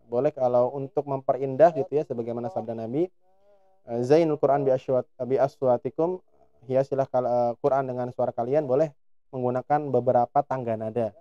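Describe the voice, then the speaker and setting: A man teaching Quran recitation on a live stream, explaining calmly and chanting long drawn-out examples. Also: medium pitch, clear, resonant tone, muffled recording.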